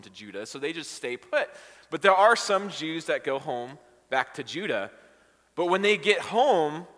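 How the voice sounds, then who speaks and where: A man's voice: on the high side, a bit bright. A man preaching a casual, conversational sermon to a congregation and asking them questions as he goes. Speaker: pastor. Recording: long hall reverb.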